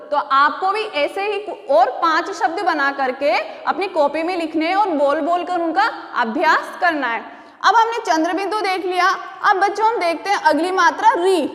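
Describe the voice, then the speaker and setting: High-voiced woman teaching, echoey room. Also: fairly bright tone. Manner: slow, repeating call-and-response questions to pupils. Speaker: school teacher. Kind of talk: recorded Hindi spelling lesson for children.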